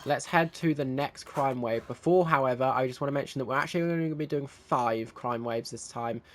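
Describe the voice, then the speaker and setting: A man's voice: mid-range voice, fairly quick, fairly bright tone. A man giving casual game commentary as a channel host, chatty and prone to correcting himself.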